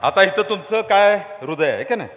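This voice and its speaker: A man's voice: sits high, very animated, normal speed, fairly bright tone. A man preaching to a crowd, teasing them and asking call-and-response questions. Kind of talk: lively sermon with crowd games. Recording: long hall reverb.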